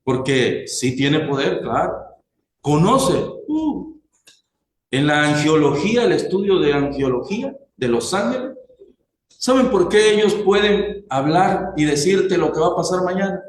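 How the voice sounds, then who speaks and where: Slow-preaching man, echoey room. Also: fairly high pitch, expressive, a little hiss or hum. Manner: slow, deliberate, asks the congregation questions. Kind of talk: sermon.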